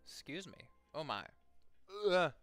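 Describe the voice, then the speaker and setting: A man's voice: fairly high pitch, animated, unhurried, a bit bright, soft background music. A young man streaming a game, chatting casually and reading game text aloud, rambling with many fillers and restarts and swearing freely.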